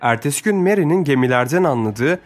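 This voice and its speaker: Measured male audiobook narrator. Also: on the high side, expressive, faint music behind.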